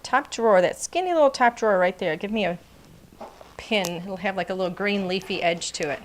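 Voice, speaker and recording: A woman leads a relaxed card-making demonstration from her craft room, talking at an ordinary middle pitch. She chats and gushes over her work, sliding into soft murmurs as she concentrates. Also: brisk, a little hiss or hum. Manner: chatty, gushing, often drops to a murmur while working.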